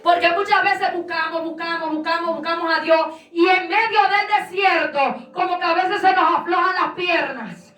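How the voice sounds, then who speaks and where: A woman's voice: extremely high pitch, moderate pace, hardly any pauses, a bit bright, reverberant, recorded from a distance, faint music behind. A woman pastor giving a fervent sermon in a repetitive preaching cadence.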